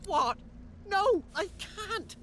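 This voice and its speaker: Theatrical, craven old undead dwarf sorcerer. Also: male voice, very high voice, expressive, drawn-out words, bright, forceful tone, slight background noise, full character voice. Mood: panicked. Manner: theatrical, swinging from frantic pleading to ominous intoning. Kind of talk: fantasy video game acting.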